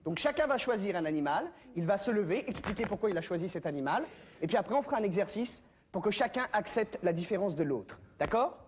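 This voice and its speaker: An actor playing a fussy, excitable male therapy group leader, talking in a shrill, sing-song, scolding way. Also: quick pace. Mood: chirpy. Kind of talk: sketch comedy acting. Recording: audience laughter and background noise.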